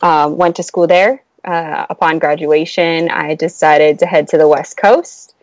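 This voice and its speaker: A woman's voice: low-pitched, steady tone, measured pace, no echo, low-quality recording. A young woman from Hawaii, chatting as a podcast guest, with lots of fillers and easy laughter. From Oahu, Hawaii. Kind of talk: casual conversation. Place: at home.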